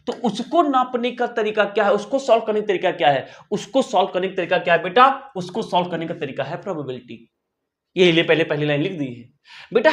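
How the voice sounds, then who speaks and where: A man with an Indian accent teaching maths informally to school students online, repeating phrases, coaxing attention and often checking understanding with questions. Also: high voice. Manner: addresses listeners familiarly, coaxing attention.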